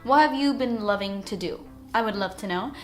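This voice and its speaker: A woman's voice: medium pitch, fairly quick. A young woman talking casually through a makeup tutorial as a beauty vlogger, chatty and full of "like" fillers.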